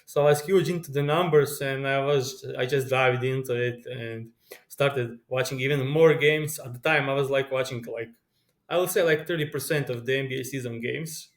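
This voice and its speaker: A man's voice: mid-range voice, normal speed. Interview guest: young man with a Croatian accent, Croatian native, eager and rambling, keeps restarting sentences. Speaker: guest, pro sports bettor. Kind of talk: casual interview chat.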